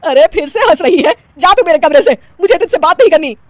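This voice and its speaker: Woman voicing cartoon mother-in-law: loud, scolding, exasperated. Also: fairly high pitch, sing-song, a little fast, no echo, pitched above the performer's own voice. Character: scolding middle-aged mother-in-law, easily offended.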